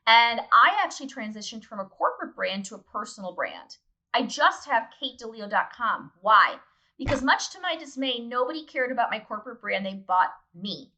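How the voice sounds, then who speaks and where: A woman guest, a brand consultant and author, offers brand advice in a conversational, emphatic, instructive manner, addressing listeners directly. Her voice sits on the high side and sounds pushed and bright, and the recording quality is low.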